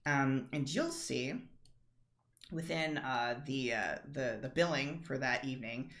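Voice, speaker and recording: A woman's voice: rumbling low, measured pace, a bit bright. A woman narrating as game master of a tabletop role-play in a casual, filler-heavy way.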